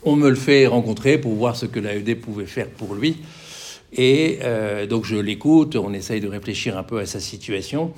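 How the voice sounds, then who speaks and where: Middle-aged man, low voice, earnest public talk, halting restarts, charity director's testimony. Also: darkish tone.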